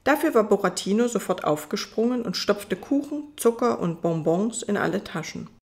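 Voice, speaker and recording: A woman reading a fairy tale audiobook as its narrator, in a calm storytelling manner. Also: mid-range voice, moderate pace, gravelly.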